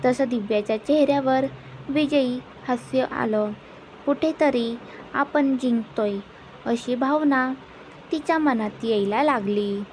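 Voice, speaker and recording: A woman narrating a story, reading slowly and evenly. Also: sits high, darkish tone, a little hiss or hum, low-quality recording.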